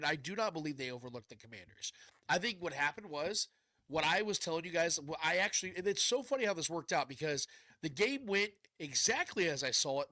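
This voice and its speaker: Congested guy doing sports show, super nasal stuffed nose, quick talker, close dry sound. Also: high-pitched, sharp tone, no echo. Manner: blunt, mild swearing, chummy slang. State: stuffed up, can't breathe through nose. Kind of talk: casual sports talk.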